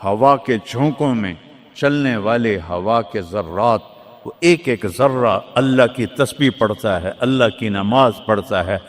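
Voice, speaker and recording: A man's voice: fairly low pitch, a little slow, in a large hall. A man preaching a sermon in a mosque, with rhythmic, repetitive oratory and recited Arabic verses.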